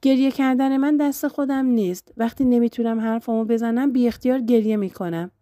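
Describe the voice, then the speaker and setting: A woman's voice: a little high, steady tone, mellow, no room sound, clean studio sound, voice pushed up, lightly acted. Woman voicing a pleading young wife. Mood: hurt, stubborn. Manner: pleading, stubborn.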